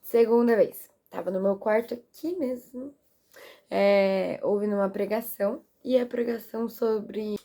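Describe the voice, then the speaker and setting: A young woman casually telling a personal faith testimony from her bedroom, earnest and animated as she acts out her own prayers. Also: mid-range voice. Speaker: vlogger sharing a faith testimony.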